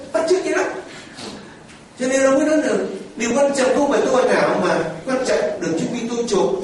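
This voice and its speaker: A man's voice: very high voice, distant mic, a little hiss or hum. A man preaching a sermon to his congregation, quizzing listeners and mimicking people as he talks. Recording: echoey church picked up from afar.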